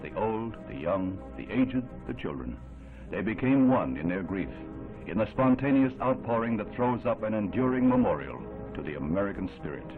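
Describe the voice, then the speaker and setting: A man giving solemn, measured, formal narration in an old 1960s newsreel. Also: lowish voice, very animated. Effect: old 1960s newsreel sound. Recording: thin narrow-band old film audio with music underneath.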